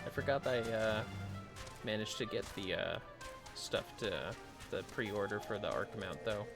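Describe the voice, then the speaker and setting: Creaky-voiced man casually streaming a game. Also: fairly low pitch, unhurried. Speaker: livestream host playing a video game. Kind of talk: casual live game commentary. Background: game music.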